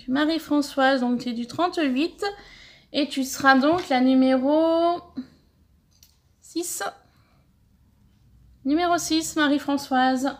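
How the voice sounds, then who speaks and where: Woman, middle-aged, from France, high voice, chatty, grateful, stumbles over words, casual vlog. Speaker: scrapbooking channel host. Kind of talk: casual mail-opening vlog.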